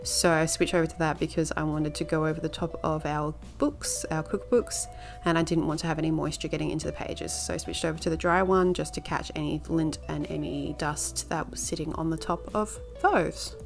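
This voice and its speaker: A woman with a low, gravelly voice talks through her cleaning routine in a relaxed, rambling voice-over, full of little fillers. Soft music plays faintly underneath. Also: fairly quick. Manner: chatty and rambling, with filler words. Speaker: home cleaning vlogger. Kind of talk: casual voice-over narration.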